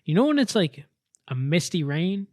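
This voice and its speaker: A man's voice: high voice, very animated, moderate pace, darkish tone, dry recording, clean studio sound. A young man co-hosting a casual podcast, easygoing and profane, often agreeing with his friend. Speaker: podcast co-host.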